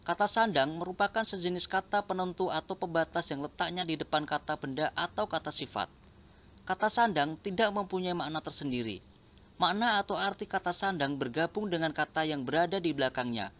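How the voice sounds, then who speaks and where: A man reading out a grammar lesson in an even, list-like way. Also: fairly high pitch, brisk. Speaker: teacher.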